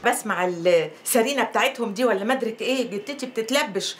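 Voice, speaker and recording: Teasing Egyptian auntie, rapid and sing-song, faint room noise. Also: female voice, on the high side, animated, a bit bright. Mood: gossipy. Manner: teasing, gossipy, dramatic. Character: gossipy, mocking older Egyptian neighbor woman. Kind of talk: film drama acting.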